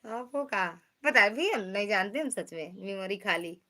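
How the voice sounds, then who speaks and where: A woman's voice: medium pitch, lively intonation, moderate pace, sharp tone. A woman chatting casually on a live stream, greeting viewers and teasing them while reading out their comments. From Uttar Pradesh, India.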